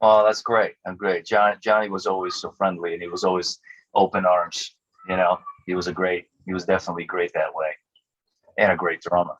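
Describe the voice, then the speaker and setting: A man being interviewed about his music career, telling stories in a casual, animated way and acting out the people he quotes. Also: deep voice, brisk. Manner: animated storyteller acting out quotes, laughs often. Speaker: musician guest. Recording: dull lo-fi audio.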